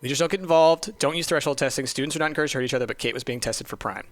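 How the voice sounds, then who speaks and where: A man's voice: a little high, racing, faint music behind. A young man casually thinking aloud while streaming a mystery game. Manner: thinks aloud, muttering and musing. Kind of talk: casual let's-play commentary.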